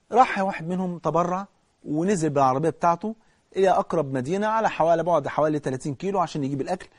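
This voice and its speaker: A man with an Egyptian accent preaching an impassioned sermon, swinging from loud to hushed and chanting scripture slowly. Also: sits high, no echo, studio quality. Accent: Egyptian Arabic.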